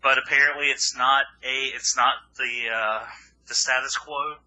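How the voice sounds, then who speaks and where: Bright-voiced, rambling man. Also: mid-range voice, steady tone, moderate pace, low-quality recording. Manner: rambling, swears freely, trails off mid-sentence. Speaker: podcast co-host. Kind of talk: casual chat.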